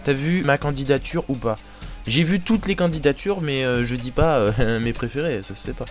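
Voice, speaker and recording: A man's voice: medium pitch, animated, moderate pace, faint music behind. A man hosting a live show in casual chat, reading out listener messages with joking banter. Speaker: host.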